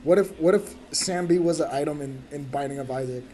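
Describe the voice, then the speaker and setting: A man's voice: on the high side, brisk, dark tone. A man streaming a game, chatting casually with a friend, joking and laughing a lot. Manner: goofy, jokey, laughs often, bursts into silly voices. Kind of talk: casual gaming chat.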